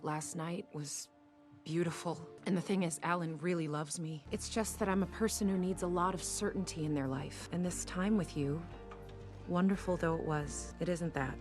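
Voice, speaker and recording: Woman playing a gentle young woman, lowish voice, soft and soothing, music score underneath. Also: moderate pace, natural voice. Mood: tender. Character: warm young woman seeking her mother. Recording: film audio with music score.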